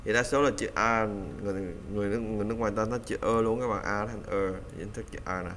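A man with a lowish voice gives a casual pronunciation lesson. He repeats English model sentences slowly after a recording and fills the gaps with easy chatter. A faint hiss sits under the recording. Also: fairly even intonation, fairly bright tone.

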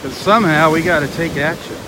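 Talking quickly in a high voice, a man hosts a live walking vlog along a windy beach, earnest and dismayed as he goes. Wind and surf noise hit the mic, and waves crash in the background.

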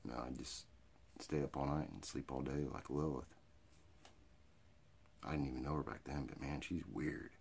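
Very deep, gravelly rowdy redneck man. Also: fairly even intonation, normal speed, long pauses, a little mellow, slight background noise. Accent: American, hick drawl. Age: middle-aged. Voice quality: gravelly, raspy. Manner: rowdy redneck talk, crude and folksy. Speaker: comedian. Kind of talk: rambling off-the-cuff sit-down comedy monologue to camera. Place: small cluttered indoor storage room or workshop. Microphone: phone or webcam at arm's length.

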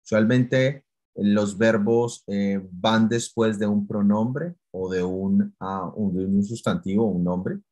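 A man's voice: fairly low pitch, steady tone, slow pace, dark tone. Patient Spanish-speaking male English teacher. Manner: patient, explains step by step with many fillers. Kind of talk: online class explaining English grammar.

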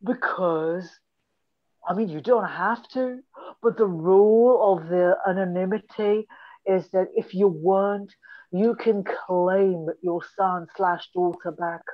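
A woman playing an earnest cabbage mother who chairs a meeting in improvised puppet comedy, speaking deliberately. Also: on the low side, muffled recording.

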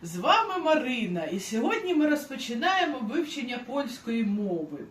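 A woman teaching a beginner language lesson, explaining slowly and patiently with examples. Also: on the high side, very animated, echoey room, a little hiss or hum.

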